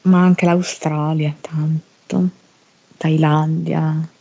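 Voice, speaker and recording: A woman with a northern Italian accent speaks slowly and hesitantly as she channels during a hypnosis session. Her voice is low, husky and mellow. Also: level tone, highs cut off. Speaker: hypnosis medium.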